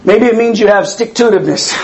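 A wheezy man in his fifties preaches in a conversational, animated style. His voice sits well above most men's. He drives points home by repeating phrases and asking the congregation questions. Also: high voice, background noise. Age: 50s. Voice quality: wheezy breathing from a past tracheotomy. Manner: emphatic, repeats key phrases, asks listeners questions.

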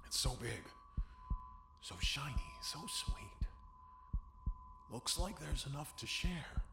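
Creepy taunting stranger, slow and singsong, roomy echo, noisy bg. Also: male voice, fairly high pitch. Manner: sly, mocking, drops to whispers, laughs to himself. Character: menacing adult male stranger, taunting and cruel. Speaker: villain. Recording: roomy echo with clear background noise.

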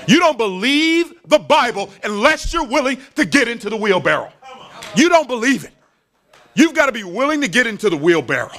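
A male pastor preaching a sermon, telling stories with animated acted-out voices. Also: high-pitched.

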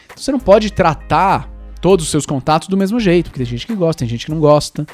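A man's voice: on the high side, animated, fast, darkish tone, faint music behind. A man giving casual advice as a podcast host, emphatic and full of rhetorical questions and playful sound effects.

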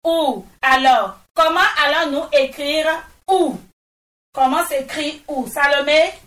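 Female primary teacher, high bright voice, patient and measured, repeats answers; recorded off-mic in a classroom. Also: far from the mic. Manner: patient, repeats each answer back and praises. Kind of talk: slow, deliberate classroom instruction. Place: classroom with pupils. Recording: echoey room, voice off-mic.

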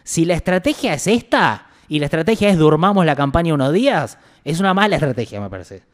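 A man's voice: on the high side, big pitch swings, fast. Blunt Argentine man ranting about politics. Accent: Argentine Rioplatense Spanish. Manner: blunt, exasperated, swears freely. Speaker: political podcast co-host. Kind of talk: casual political chat.

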